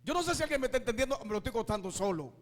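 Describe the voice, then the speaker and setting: A male pastor preaching with fervor, shouting at his peaks and asking his listeners rhetorical questions. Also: very high-pitched, expressive, very fast, big-room sound. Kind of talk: preaching sermon.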